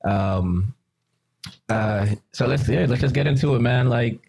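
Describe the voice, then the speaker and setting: A man's voice: medium pitch, unhurried, creaky, a little mellow, slightly rough. A man hosting a podcast in casual chat, introducing a guest with many ums and uhs. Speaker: podcast host.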